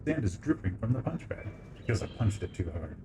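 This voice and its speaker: A man's voice: lowish voice, very animated, a little fast, noisy background. A man streaming a video game live as a VTuber, reacting playfully with laughter and swearing. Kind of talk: live gameplay commentary.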